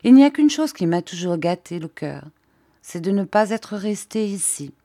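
A woman's voice: medium pitch, sing-song, normal speed, mellow, no echo, clean studio sound. A woman playing a blunt old farm servant. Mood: candid. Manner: rustic dropped syllables. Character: older female farm servant, blunt, affectionate.

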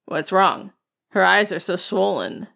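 A woman reading an audiobook and voicing a sly, scornful young man who talks in a flat, teasing, sneering way. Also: medium pitch, a little slow, vocal fry, heavily acted. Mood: mocking.

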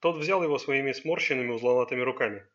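Male audiobook narrator, steady reading, bright tone, lo-fi recording. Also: medium pitch, quick pace. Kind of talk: scripted narration.

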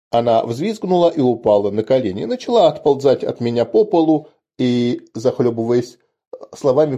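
Guy reading a fantasy audiobook, steady, very dark mellow tone, kinda dull lo-fi sound. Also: medium pitch. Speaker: audiobook narrator. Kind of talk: first-person fantasy audiobook narration. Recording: dull lo-fi recording.

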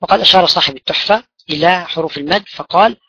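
A man's voice: high voice, quick pace, bright, forceful tone, breathy edge, no room sound, dull audio. A man teaching a class in a classroom-lesson style. He asks his students questions and then answers them himself. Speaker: religion teacher. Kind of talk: classroom lesson on Quran recitation rules.

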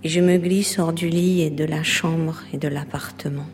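A woman's voice: sits low, steady tone, long reverb tail, soft background music, natural voice. An actress playing a fragile, whispering woman. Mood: hushed. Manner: slow, hushed, often whispering. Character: lonely woman who weeps and whispers, fragile. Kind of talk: stage play.

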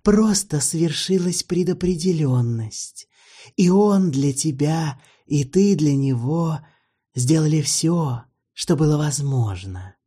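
A man doing a soft-spoken, courtly old vampire. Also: a little high, animated, slightly rough, pitched above the performer's own voice, full character voice. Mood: mournful, patient. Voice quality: soft, half-whispered, drawn-out. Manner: slow, ornate, mournfully polite. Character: ancient weary male vampire, courtly, gently ironic.

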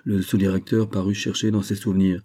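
A man reading a classic adventure novel aloud as an audiobook narrator, measured and even. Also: fairly low pitch. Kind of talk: scripted narration.

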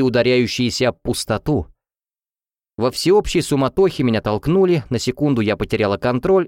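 A man reading a fantasy audiobook aloud in first person with an expressive storytelling delivery. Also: mid-range voice, dry recording, studio quality. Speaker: audiobook narrator. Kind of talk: scripted first-person narration.

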